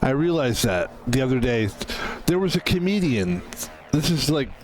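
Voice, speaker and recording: A man's voice: mid-range voice, very animated, moderate pace, soft background music, poor audio. Rambling man in his fifties streaming. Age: 50s. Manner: rambling, self-interrupting, chatty. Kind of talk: casual gaming stream chat.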